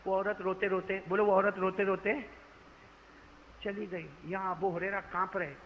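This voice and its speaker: A male preacher telling a story in a sermon to a live gathering, swinging between hushed narration and shouting and quizzing his listeners. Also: high-pitched, little pitch movement, a little hiss or hum. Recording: echoey hall, dull lo-fi sound.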